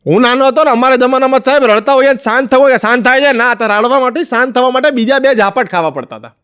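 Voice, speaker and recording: A man doing stand-up comedy, telling rapid-fire jokes and slipping into character voices. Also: extremely high pitch, fairly bright tone, clear, resonant tone.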